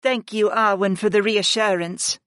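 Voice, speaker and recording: A man doing a hushed, fretful young woman. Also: high voice, steady tone, normal speed, no echo, clean studio sound, pitched above the performer's own voice. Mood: relieved. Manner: hushed, worried.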